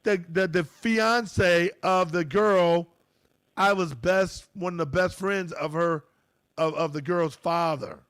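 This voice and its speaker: A man co-hosting a radio talk show, telling a personal story in an animated, indignant way and acting out the quotes. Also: sits high, slow pace, clear, resonant tone, dry recording.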